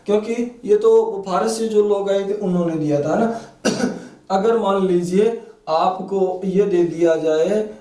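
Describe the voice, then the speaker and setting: Casting note: male Rajasthani-accented teacher, high mellow voice, heard from a distance in a roomy class. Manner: asks rhetorical questions and answers them, repeats "है ना". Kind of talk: classroom lecture for exam prep. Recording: echoey room, voice from off the mic.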